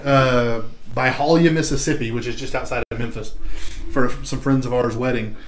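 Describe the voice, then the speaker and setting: A man in his thirties, co-hosting a podcast, telling stories in a lively, laughing way. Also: medium pitch, normal speed, slight background noise. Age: 30s. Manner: animated, laughing storyteller. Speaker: podcast co-host. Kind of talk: casual storytelling chat. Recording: roomy echo.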